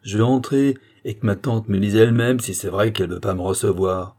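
A man voicing a brash, coarse young farmer nephew who talks rough and rude. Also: fairly low pitch, normal speed, warm tone, close to an everyday voice. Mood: belligerent.

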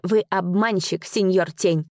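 A woman's voice: lowish voice, steady tone, measured pace, a little mellow, dry recording, studio quality, lightly acted. Woman doing a teasing, playful young girl. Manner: teasing, mock-stern.

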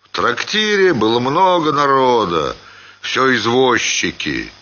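A man narrating a classic short story in a measured, expressive theatrical reading. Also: mid-range voice, muffled recording.

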